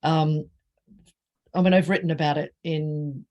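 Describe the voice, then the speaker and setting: A woman's voice: low-pitched, fairly even intonation, measured pace, darkish tone, highs cut off. A middle-aged woman from Australia, an author being interviewed, talking casually with many fillers and frequent laughter. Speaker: author guest.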